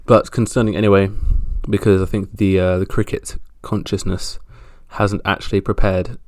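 Male podcast host, low gravelly voice, wry and halting, casual sports roundup, close dry sound. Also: flat delivery, darkish tone, dry recording.

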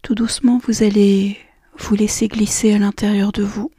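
A woman guiding a relaxation and meditation session in a soft, slow, half-whispered voice. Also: medium pitch, flat delivery, breathy edge, dry recording, studio quality. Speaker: relaxation guide. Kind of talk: guided meditation.

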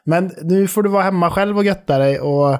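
A man co-hosting a podcast, chiming in supportively with short replies. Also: high-pitched. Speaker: podcast co-host. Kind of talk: casual chat.

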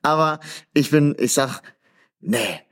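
A man with a Lower Rhine accent, co-hosting a casual podcast chat in an easygoing, laugh-along way. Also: expressive, slow pace, a bit bright. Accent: Lower Rhine German. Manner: easygoing, laughs along, frequent fillers and restarts. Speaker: podcast co-host.

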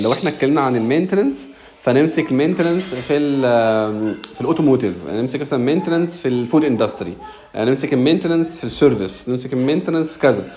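Hosting a relaxed live audio discussion, a man with an Egyptian Arabic accent sprinkles English business vocabulary into what he says. He has a mid-range voice with a darkish tone.

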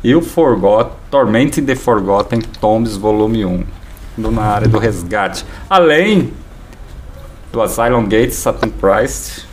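A man's voice: on the low side, lively intonation, slow, a little hiss or hum. A man with a Brazilian accent hosting a casual live radio talk show.

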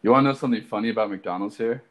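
A man's voice: fairly low pitch, rapid-fire. A man hosting a casual podcast chat, laid-back and sardonic.

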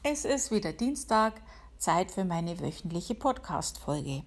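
A woman hosts a casual solo podcast from home. She talks in a chatty, self-ironic way and keeps her voice fairly low. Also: very animated, unhurried. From Upper Palatinate, Bavaria, Germany. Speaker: podcast host. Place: home, working from home.

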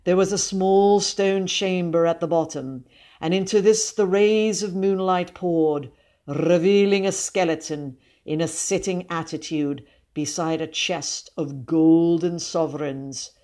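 A woman hosting a podcast and reading a children's book aloud in a measured, expressive way. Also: lowish voice. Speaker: podcast host and reader.

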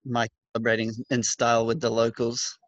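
A man's voice: medium pitch, completely flat delivery, brisk, no echo. A man co-hosting a podcast, chiming in with upbeat questions and comments. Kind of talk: casual chat. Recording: dry, dull lo-fi audio.

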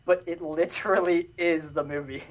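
A young man co-hosting a casual chat, animated and jokey, often tripping over his words. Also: a little high, moderate pace, slight background noise. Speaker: podcast co-host.

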